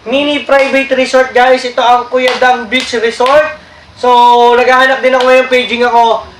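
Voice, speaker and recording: A man's voice: very high voice, little pitch movement, normal speed, fairly bright tone. A man hosting his own vlog outdoors by the sea, chatting casually and thanking his viewers often. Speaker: vlogger host. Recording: echoey with faint noise.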